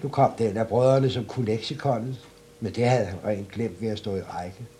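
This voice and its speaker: A man reading a fairy tale aloud as a storyteller, in an expressive, animated way. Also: lowish voice.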